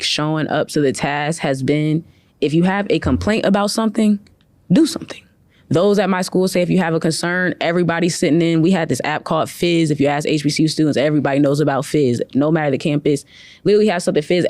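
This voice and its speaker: A woman's voice: deep voice, darkish tone, no room sound. A young woman from Cleveland talks as an interview guest, chatty and loose, with lots of "like" fillers. Her voice sounds dry and close to the mic, with no room around it. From from Cleveland, Ohio. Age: young adult. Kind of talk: casual interview conversation.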